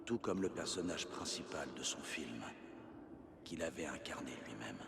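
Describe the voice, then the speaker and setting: A man's voice: rumbling low, expressive, moderate pace, creaky, big-room sound, heavy background noise, full character voice. An actor voicing an ominous male narrator in a game, telling a legend dramatically and dropping into whispers. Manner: dramatic storytelling, drops to whispers.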